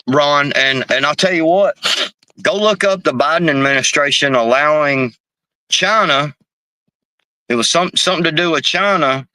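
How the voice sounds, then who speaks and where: A man with a fairly high, sharp-toned voice hosts a casual live stream at a moderate pace, reading chat messages aloud. He talks loosely and profanely, constantly saying "man" and "bro," and there's no room sound.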